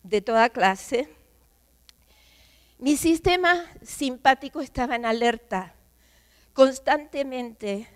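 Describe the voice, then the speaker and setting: Woman, pastor's wife, high pitch, emphatic emotional sermon, long church reverb. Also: expressive, takes it slowly, pauses often. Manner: emotional, emphatic storytelling with quoted voices. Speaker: pastor's wife giving testimony. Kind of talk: sermon testimony. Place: church sanctuary.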